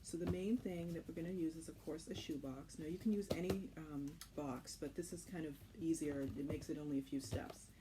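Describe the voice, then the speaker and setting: A woman instructor with a low-sitting voice explains a children's craft step by step, fairly quickly and with hardly any pauses. Her manner is casual, informal and reassuring, and the home recording is clearly noisy.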